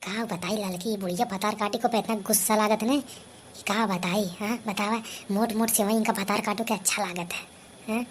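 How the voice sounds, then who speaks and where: A woman's voice: medium pitch, steady tone, normal speed. A woman with an Awadhi accent voicing a put-upon young daughter-in-law who grumbles and mocks in a cartoon comedy, with faint noise behind. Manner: grumbling, mocking asides. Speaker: comedy voice artist. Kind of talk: scripted cartoon comedy dialogue.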